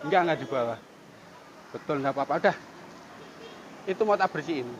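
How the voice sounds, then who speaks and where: A man talks calmly and coaxingly to someone on a roadside, repeating soothing phrases. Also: a little high, fast talker, lo-fi sound, a crowd in the background. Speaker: volunteer caring for a homeless man. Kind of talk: filmed street outreach, talking to a man on camera. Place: roadside outdoors near a market. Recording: outdoor traffic and insect noise.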